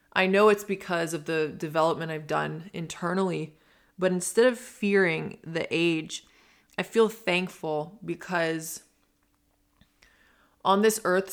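A woman in her twenties hosting a solo podcast, talking in an earnest, reflective and rambling way with many fillers. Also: sits low. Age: 20s. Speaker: podcast host. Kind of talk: casual solo podcast monologue.

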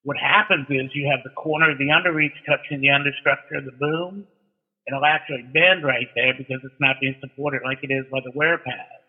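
A man's voice: medium pitch, steady tone, fairly quick, breathy edge. A man explaining technical matters casually in a folksy storytelling way, like an experienced instructor. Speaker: towing instructor and guest. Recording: thin, narrow-band phone-like line.

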